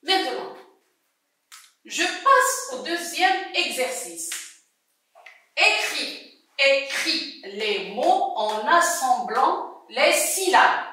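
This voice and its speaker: A woman teacher leads a first-grade reading lesson at a very slow, patient pace. Her high, lively voice repeats each word and syllable for the children. She is heard at a distance in a strongly echoing room. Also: slight background noise. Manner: slow, repeats words and syllables, praises often. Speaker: primary school teacher. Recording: echoey room, voice away from mic.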